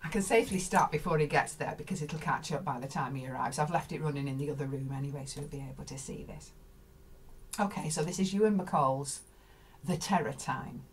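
A woman's voice: low-pitched, fairly quick, recorded from a distance, a little hiss or hum. Chatty woman, a little off-mic. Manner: chatty, rambling with restarts. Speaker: folk singer. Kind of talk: casual chat between songs. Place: small home studio.

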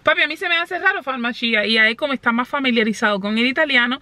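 A woman's voice: a little high, fast talker, sharp tone, dry recording. A talkative woman speaking straight to her vlog audience in a casual, fond way. She explains things patiently and keeps the chat flowing. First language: Spanish. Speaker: family vlogger.

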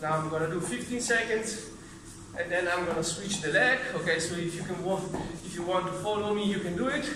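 Demonstrating exercises in a big indoor gym with mats, a non-native English-speaking trainer in his thirties calls out short commands, audibly straining as he moves. He speaks briskly in a high voice. A camera several metres off captures him, giving an echoey, distant sound with background noise and music.

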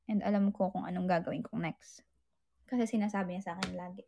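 Gravelly young woman giving candid advice. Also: on the low side, steady tone, fast talker, mellow, slight background noise. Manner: candid, advice-giving, mixes English into Tagalog. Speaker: vlogger answering viewer questions. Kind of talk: casual chat.

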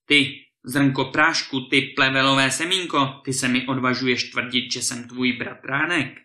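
A man doing a booming, boastful giant lord. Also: vocal fry, pushed and bright. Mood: thundering. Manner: booming, thundering. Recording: roomy echo.

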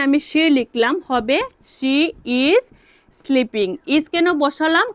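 A woman teaching a basic grammar lesson, patiently repeating key points and checking understanding with quick questions. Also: sits high, a bit bright, no echo. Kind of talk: grammar lesson explained in Bengali.

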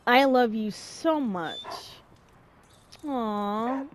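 A woman's voice: a little high, very slow, slight background noise. A woman giving casual, chatty gameplay commentary, gushing as she reacts aloud to the characters. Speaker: video game player.

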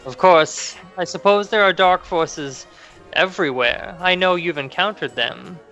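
An old hag of a fortune-teller, played by a man, speaks high and cracked in a tabletop game. The crone is welcoming yet cryptic, with a bright edge and music playing behind. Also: measured pace, heavily acted. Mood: knowing, cryptic.

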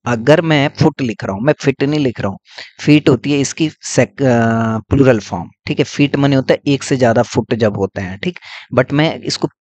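A man's voice: mid-range voice, normal speed, a little mellow, no room sound, highs cut off. A man teaching English grammar, explaining patiently, repeating points and checking in often with his students. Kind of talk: classroom-style grammar lesson.

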